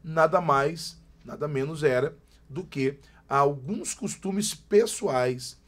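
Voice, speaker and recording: Speaking slowly in a voice on the high side, this man is a pastor in his forties from Greater São Paulo, Brazil. He joins a casual podcast chat as a guest, emphatic and given to preacherly repetition.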